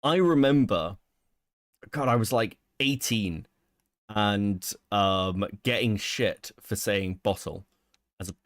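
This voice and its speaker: A man with a fairly low voice speaks in a casual, halting way. His English accent is received pronunciation, posh boarding-school speech that has been relaxed a little. The sound is dry. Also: dry recording. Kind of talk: casual chat.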